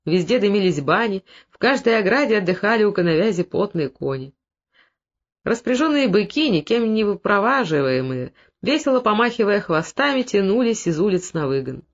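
A narrator reading a novel aloud in a measured, steady literary manner. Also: mid-range voice, highs cut off. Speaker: audiobook narrator.

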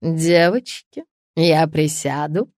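A woman's voice: slow pace, a little mellow, dry recording, studio quality. A woman reading an audiobook, voicing a drunken, spiteful female writer who jeers and drawls. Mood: mocking. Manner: shrill, jeering and drawling. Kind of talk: audiobook character voice.

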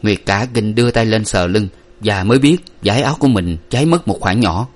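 A man narrating a story aloud with a steady, expressive reading style. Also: fairly low pitch, fairly quick.

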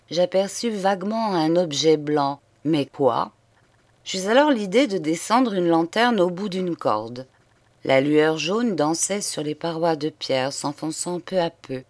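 A woman narrates a literary story as an audiobook. Her voice sits low and moves slowly, with grave, measured phrasing. The recording is dry and close. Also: dry recording. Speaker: audiobook reader.

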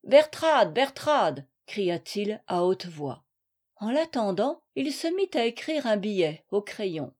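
A woman reading a historical novel aloud as an audiobook narrator, in a measured storytelling manner. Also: mid-range voice, big pitch swings, warm tone. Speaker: audiobook reader.

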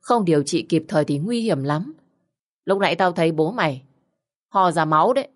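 A woman's voice: fairly low pitch, lively intonation, normal speed, close to an everyday voice. A woman voicing a stern, bossy but caring older relative who scolds and insists. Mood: scolding.

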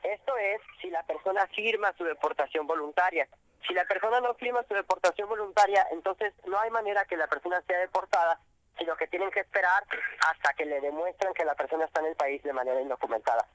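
This immigration rights guest on a radio interview speaks in a high, somewhat bright voice, captured on a dry, low-quality recording. He walks through immigrant detention step by step, his explanations halting and full of fillers and restarts.

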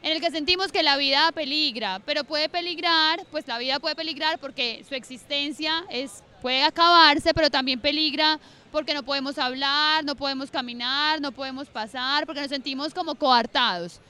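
Woman, workshop facilitator, high bright voice, chatty and self-amused, outdoors on a handheld mic. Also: normal speed. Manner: chatty, repeats instructions, laughs at herself. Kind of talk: guiding a group writing exercise. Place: outdoor park. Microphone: handheld mic, often held away.

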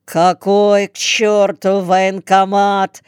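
Curt young soldier back from the front, commanding and quick to flare up, slow deliberate delivery, smooth tone, close and dry, as a woman reads him in an audiobook. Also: on the low side, little pitch movement, darkish tone, no echo. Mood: gruff. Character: young male soldier home from the front, curt and hot-tempered.

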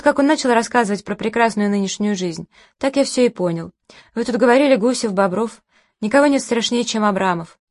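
A woman's voice: fairly high pitch, darkish tone, dry recording, lightly acted. A woman reading as a bitter, sardonic party host. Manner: caustic, bitter, challenging.

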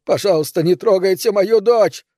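A man's voice: sits high, moderate pace, dark tone, no echo, clean studio sound, pitched above the performer's own voice, close to an everyday voice. A man voicing a terrified nobleman father in an audiobook, pleading and gasping in a strained voice. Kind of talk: audiobook character reading.

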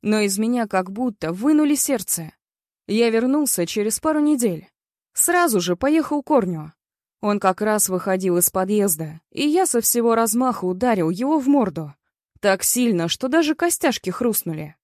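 A woman's voice: medium pitch, expressive, normal speed, a little mellow, dry recording, clean studio sound. A woman narrating a first-person story in a blunt, bitter and crude way. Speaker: audiobook reader.

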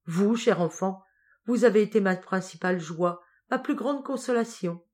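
A woman's voice: medium pitch, moderate pace, darkish tone, lightly acted. A woman reading a fervent young exiled prince. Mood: tender. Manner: fervent, tearful outbursts.

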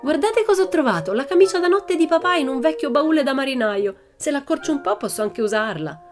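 Woman doing a bold cheeky storybook girl, loud and breezy, high voice, faint music under it. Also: animated, a little fast, close to an everyday voice. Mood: cheeky, boisterous. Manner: boisterous, breezy and matter-of-fact. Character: bold cheerful young girl, fearless and cheeky. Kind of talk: audiobook character voice.

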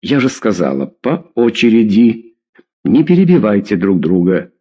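A man voicing a stern woman investigator who gives clipped orders to her quarreling family, in a husky voice. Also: lowish voice, big pitch swings, a little slow, dark tone, highs cut off, heavily acted. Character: stern woman investigator, commanding wife and mother.

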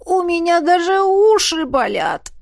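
Reader doing young female student; whiny, complaining, high voice. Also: big pitch swings, unhurried, gravelly, no room sound, studio quality, heavily acted. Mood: whining.

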